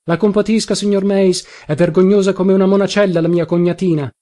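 A man's voice: sits high, lively intonation, normal speed, darkish tone. A man playing an oily, fawning schemer. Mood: ingratiating. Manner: courteous, obsequious. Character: smooth scheming man, mock-polite. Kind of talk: audiobook reading.

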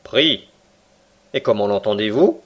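A man reading the lines of a calm, ironic submarine captain in a French audiobook, slow and measured. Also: on the low side. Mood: cool, ironic. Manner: cool, measured, slow and deliberate.

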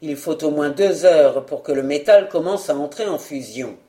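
A woman voicing a greedy hunchbacked male secretary in a storybook reading, speaking gruffly with a lowered voice. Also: moderate pace, mellow, close to an everyday voice. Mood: sly. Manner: gruff, muttering.

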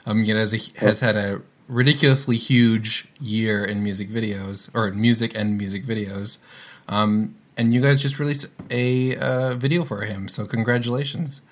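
A man's voice: on the low side, fairly even intonation, normal speed. A man hosting a casual podcast, chatty and upbeat, introducing his guests with plenty of fillers. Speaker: podcast host.

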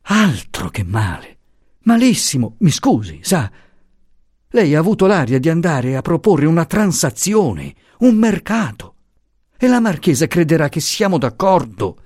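A man voicing a decisive young wife who speaks in a sharp, reproachful way. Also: mid-range voice, big pitch swings, normal speed, few pauses, no room sound, clean studio sound, voice pushed up, close to an everyday voice. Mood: indignant.

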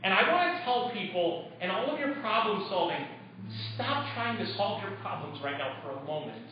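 A man with a fairly high voice preaches emphatically, piling up rhetorical questions. His pastor's sermon rings through a very echoey church hall. The mic sits far from him and the sound is dull. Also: lively intonation, normal speed, slight background noise.

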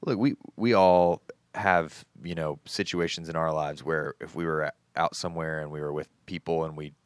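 A man's voice: very deep voice, steady tone, normal speed, clean tone, no echo. A man hosting a podcast, talking in an earnest, reflective way with frequent restarts. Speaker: podcast host. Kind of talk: casual podcast conversation.

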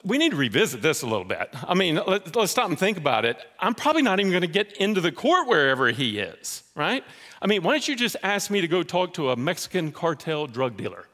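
A man's voice: a little high, very animated, fast, fairly bright tone. A man acting out a worried, reluctant disciple who protests and hesitates in a sermon retelling.

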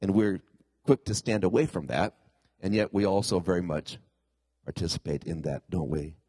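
With a husky, warm, low voice at a moderate pace, this middle-aged pastor preaches in a conversational way and frequently asks the congregation questions. He sounds congested from a cold-like illness after having a tooth pulled, which he mentions himself, and the sound is clean studio audio with no echo.

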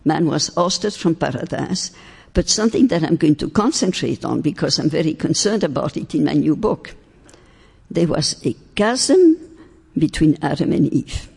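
An older woman whose first language is French lectures on faith and philosophy in a hall, her low voice dark-toned with vocal fry and a breathy edge. She speaks deliberately and emphatically, stretching key words. A long hall reverb trails her speech.

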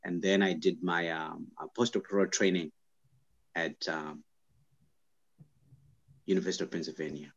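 A man from Zimbabwe, a scientist and guest, telling his life story in casual interview talk, pausing often with fillers and restarts. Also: low-pitched, fairly even intonation, muffled recording. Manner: halting, many "uh" fillers and restarts.

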